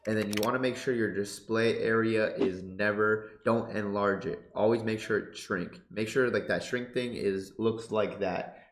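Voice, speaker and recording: A young competitive gaming YouTuber with a congested voice sits at his home gaming setup, using a headset boom mic to casually go over his game settings and commentate gameplay. He is laid-back but bursts into excitement during play. His voice is fairly low, at normal speed, with a roomy sound and a little hiss or hum.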